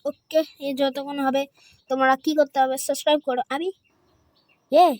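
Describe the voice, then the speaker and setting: Girl doing hyped game commentary, highish voice, dry close sound. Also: moderate pace, no room sound. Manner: excitable, mixes Hindi phrases, counts numbers aloud. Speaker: gaming channel host. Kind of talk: excited gameplay commentary.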